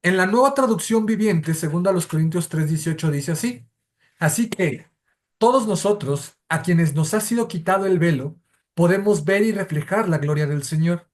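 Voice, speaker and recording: A man's voice: sits high, moderate pace. A man with a Mexican Spanish accent teaching a church Bible study class, explaining step by step and correcting himself as he goes. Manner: explanatory, methodical, self-correcting.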